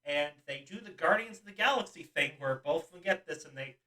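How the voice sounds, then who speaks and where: A man's voice: on the high side, animated, fairly quick, pushed and bright, distant mic, poor audio. A young man co-hosting a podcast, recapping a movie in casual chat with lots of ums and laughs. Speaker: podcast co-host.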